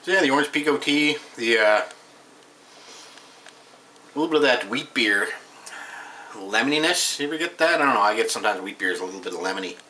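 A man in his thirties reviews a beer at home, sitting at a table indoors in a small room, captured by the camera's mic as he rambles offhandedly and reads out the label. His mid-range voice is animated and brisk with a sharp tone and long pauses. Slight background noise is present.

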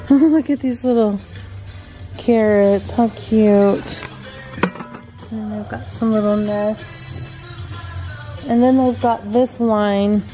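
Speaking at a medium pitch with a warm tone, a middle-aged vlogger chats her way through a home decor shop. She gushes over the cute things she finds, recording everything on a handheld camera with its built-in mic.

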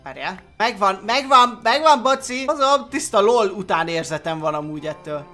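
Chatty gaming guy, voice going all over, kinda mumbly at times, game music faint behind. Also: high-pitched. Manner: animated, chatty, mutters under his breath. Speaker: gaming YouTuber. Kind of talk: let's play commentary and story reading.

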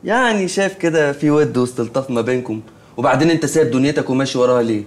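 A man's voice: medium pitch, animated, close to an everyday voice. An actor with an Egyptian accent playing a cheeky, scheming young male friend who teases glibly, in a TV sitcom. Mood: teasing. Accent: Egyptian Arabic. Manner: teasing, glib, quick-talking.

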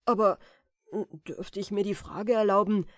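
A woman's voice: medium pitch, fairly even intonation, dry recording, clean studio sound, lightly acted. A woman voicing a polite, astonished sailor man who hesitates with fillers, in a storybook reading. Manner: hesitant, with fillers, slow and deferential.

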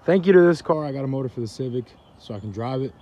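A man's voice: mid-range voice, lively intonation, racing, highs cut off. A man hosting a car vlog, talking casually with lots of slang and swearing. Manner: casual, profane, laid-back slang. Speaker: vlogger, car channel host.

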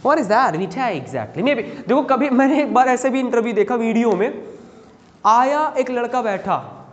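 A man's voice: extremely high pitch, expressive, measured pace, highs cut off. Male teacher lecturing in an echoey classroom. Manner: quizzes students and drills pronunciation. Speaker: spoken-English and interview-skills teacher. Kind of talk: classroom lecture mixing Hindi and English. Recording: echoey classroom, faint hum.

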